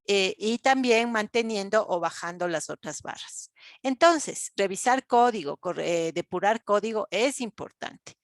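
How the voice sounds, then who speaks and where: A woman's voice: medium pitch, animated, a little slow, no room sound. A woman, lecturing an online class, explaining step by step with frequent fillers and check-ins to students. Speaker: university lecturer.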